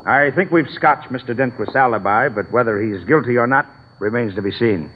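An actor playing a brisk, commanding police lieutenant in a 1940s radio mystery, heard over a tinny old broadcast. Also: male voice, medium pitch, slight background noise, close to an everyday voice. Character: gruff middle-aged male police lieutenant.

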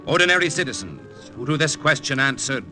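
A man's voice: medium pitch, sing-song, fairly quick. A man delivering a solemn, emphatic, declamatory scripted introduction as a 1940s radio drama announcer. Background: dramatic music.

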